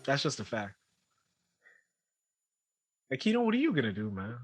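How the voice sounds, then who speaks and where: A man co-hosting a podcast in casual chat, teasing his friends loudly and laughing often. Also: medium pitch, huge pitch swings, moderate pace, soft background music. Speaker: podcast co-host.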